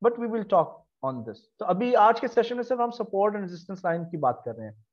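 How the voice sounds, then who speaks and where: A man's voice: sits high, big pitch swings, normal speed. Man teaching a chart lesson, dull lo-fi. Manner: step-by-step explaining, asks and answers his own questions; repeats terms in chanting lists. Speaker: trading instructor. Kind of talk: live online class with screen-share.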